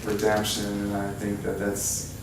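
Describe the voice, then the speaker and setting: An author from Louisiana, United States, gives an informal talk with audience questions in an indoor humanities center event room, speaking in a self-deprecating, anecdotal way. His low voice is unhurried, completely flat in delivery and marked by vocal fry. He's far from the mic in an echoey, noisy hall.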